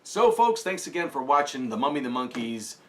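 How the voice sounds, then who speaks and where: A man co-hosting a casual vlog, chatting excitedly about flea market bargains. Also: medium pitch, brisk, slight background noise. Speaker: co-host. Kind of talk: casual chat.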